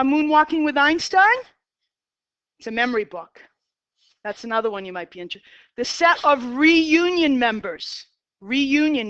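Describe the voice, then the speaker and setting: A fairly high-voiced woman in her fifties with a Boston accent, leading a math lecture in a classroom. She talks in a chatty way, quizzing the students and wandering into side stories. The recording is dull and lo-fi, with a dry sound. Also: fairly bright tone, dry recording. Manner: chatty, asks the class questions, digresses. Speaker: math teacher.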